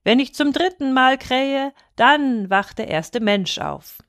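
A woman voicing a big golden rooster on a church tower, calling down slowly and evenly in a storybook. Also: high-pitched, expressive, fairly bright tone, no echo, clean studio sound, voice pushed up, heavily acted. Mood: matter-of-fact. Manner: slow, measured, calling down.

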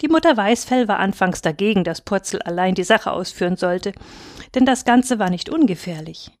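A woman's voice: mid-range voice, no echo, studio quality. Woman reading a fairy tale aloud. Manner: measured, expressive storytelling. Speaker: storyteller.

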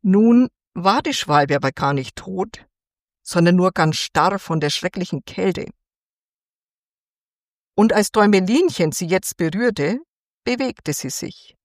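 A woman reading a fairy tale aloud for children in a gentle, expressive storytelling manner. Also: on the low side, slow, pauses often, no echo, studio quality.

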